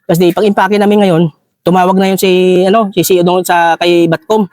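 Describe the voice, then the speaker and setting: A man's voice: high voice, steady tone, a little fast, a little mellow, no room sound, studio quality. A man, a soldier, telling a war story in an interview, deferentially adding "sir" after nearly every phrase. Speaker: soldier recounting a rescue operation.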